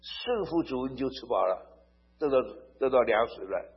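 Husky-voiced man preaching a sermon. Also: mid-range voice, lively intonation, normal speed. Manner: emphatic, swells loud on key phrases, asks "好不好?" often; tells stories to make his points. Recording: dull lo-fi recording.

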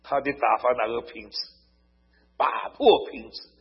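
A man preaching a sermon. He tells stories to make his points, turns emphatic and swells loud on key phrases, and often asks his listeners "好不好?". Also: mid-range voice, measured pace, slightly rough. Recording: dull lo-fi recording.

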